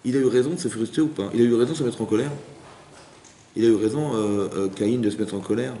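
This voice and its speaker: A man, a rabbi teaching a Torah class to an audience, animated, asking questions and acting out little everyday scenes. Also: mid-range voice, fast. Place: community center hall. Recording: echoey hall with faint noise.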